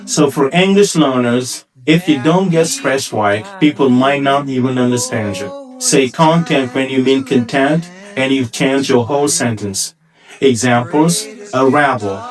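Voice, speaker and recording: A man teaching English word stress in a short video lesson, clear and emphatic, modeling each word deliberately. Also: mid-range voice, poor audio.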